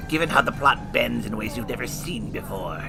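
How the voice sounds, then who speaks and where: An actor plays a snarky horror host with a shriveled, burnt face, joking through a scripted review with theatrical sarcasm. His medium-pitched voice is brisk, with lively intonation and vocal fry, over a music bed.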